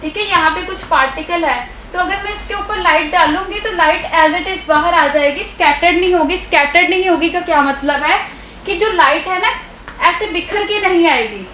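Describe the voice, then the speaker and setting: A woman's voice: very high voice, moderate pace, pushed and bright, echoey room, a little hiss or hum, low-quality recording. A woman teaching a science class who keeps checking that her students follow along with questions to the class, speaking with a Hindi accent. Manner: explanatory, keeps checking understanding with rhetorical questions. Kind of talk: live online doubt-clearing class.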